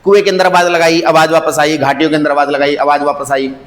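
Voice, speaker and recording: A man teaching a science class, lively and often asking the students questions. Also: a little high, fast. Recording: echoey room, long reverb.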